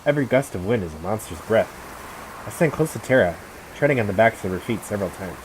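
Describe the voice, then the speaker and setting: A man's voice: on the low side, animated, quick pace, noisy background. A man hosting a let's play of a visual novel, reading the story aloud dramatically and adding joking asides. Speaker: gaming channel host.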